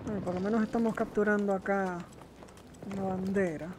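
Excitable gamer muttering over gunfire. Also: mid-range voice, fairly quick. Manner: excitable, talks to self, exclaims in frustration. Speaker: gamer streaming a shooter game. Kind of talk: live gameplay commentary. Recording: gameplay noise mixed under voice. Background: gunfire and game sounds.

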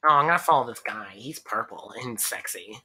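A woman's voice: very deep voice, animated, fairly quick, sharp tone, slightly rough. A woman doing goofy let's-play commentary on a game, rambling jokes and laughing often. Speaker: gameplay YouTuber.

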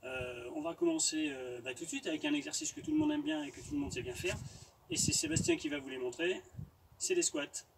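A man's voice: on the high side, huge pitch swings, brisk, vocal fry. Middle-aged male coach, informal and a little hesitant, explaining exercises outdoors; off-mic, with noticeable noise. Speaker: fitness coach. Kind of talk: workout instruction, explaining and counting reps. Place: outdoor garden terrace. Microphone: distant camera. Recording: outdoors from far off, noisy.

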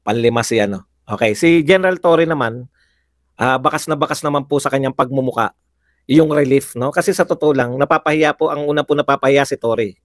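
A man's voice: medium pitch, a little fast, dry recording, clean studio sound. A man hosting a live political commentary show, chatty, laughing often and firing rhetorical questions at viewers.

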